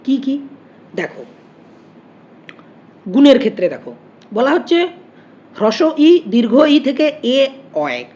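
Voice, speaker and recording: A woman's voice: fairly high pitch, very animated, unhurried, pauses often, a little mellow. A woman teacher explaining grammar step by step, asking questions and answering them herself. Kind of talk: online grammar lesson. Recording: muffled lo-fi recording with faint noise.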